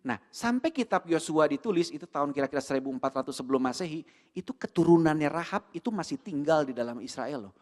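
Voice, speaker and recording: Animated man preaching in a reverberant church hall. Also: fairly high pitch, quick pace. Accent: Indonesian. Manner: animated, mixes English words, rhetorical questions. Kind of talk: sermon.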